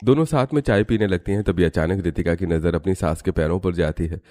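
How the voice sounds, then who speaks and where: A man narrating an animated cartoon story in a steady storytelling manner. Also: low-pitched, brisk.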